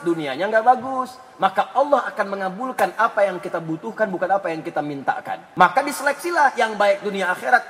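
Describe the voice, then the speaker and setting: A high-pitched man preaches a sermon, weaving humorous stories into his teaching. He swings from loud, emphatic lines to quiet asides. His voice rings out with a long reverb, as in a large hall. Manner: lively, shifts between loud emphasis and hushed asides. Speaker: Islamic preacher.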